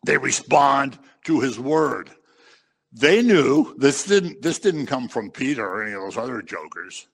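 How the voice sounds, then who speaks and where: A man delivers a sermon in an easy, conversational tone. He preaches with animation and slips into quick acted voices for the people in the passage he explains. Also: medium pitch, big pitch swings, vocal fry, husky. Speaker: pastor.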